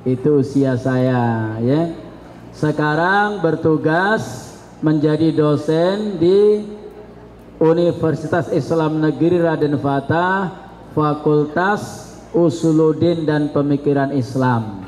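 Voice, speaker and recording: A man in his fifties, an Islamic studies lecturer from South Sumatra, talking to students in a slow, chatty, joking way. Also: a little high, darkish tone. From South Sumatra, Indonesia. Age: 50s. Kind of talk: classroom talk to students. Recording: reverberant hall with faint background noise.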